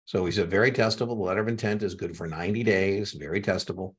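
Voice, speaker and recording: A middle-aged man with a low, steady voice and a breathy edge tutors a student one-on-one for an exam. He talks fast and chattily, repeating key points and sharing anecdotes.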